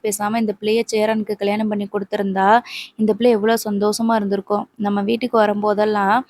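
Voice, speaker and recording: A woman voicing a middle-aged uncle who gently lectures his niece, in a soothing way. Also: mid-range voice, flat delivery, quick pace, natural voice. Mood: advising.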